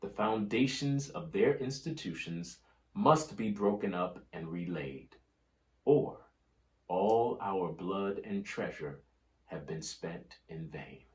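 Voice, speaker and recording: A fairly low-voiced man gives a scripted, dramatic reading of history and quoted oratory from a book. He goes very slowly, solemn, oratorical and expressive, pausing deliberately between phrases. The room is spacious, with audible echo around his voice.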